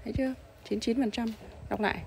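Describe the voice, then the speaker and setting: Woman, mother role, slightly high-pitched, patient and repetitive pronunciation coaching at home. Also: fairly even intonation, quick pace, creaky, a little mellow, slightly rough. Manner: patient, repeats and stresses sounds for drilling. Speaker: mother coaching her child.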